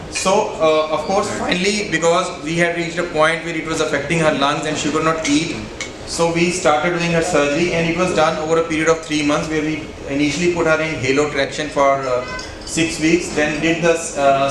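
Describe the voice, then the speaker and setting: A man's voice: on the high side, recorded from a distance, background noise. A man in his forties with an Indian accent, presenting as a surgeon at a medical conference. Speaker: spine surgeon giving a lecture. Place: hotel banquet room, indoors. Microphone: handheld microphone, heard through distant camera. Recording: echoey room from afar, audience murmur.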